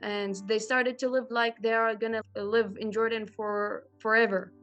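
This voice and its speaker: Young woman, halting and earnest. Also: a little high, flat delivery, fairly bright tone, lo-fi sound, faint music behind. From Syria. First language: Arabic. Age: 20s. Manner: halting, earnest, frequent pauses and restarts. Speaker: translation student sharing her story. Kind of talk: personal testimony to camera.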